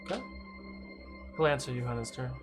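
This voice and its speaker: A man's voice: mid-range voice, a little fast, music in the background. A man acting as game master, casually narrating and refereeing a tabletop game.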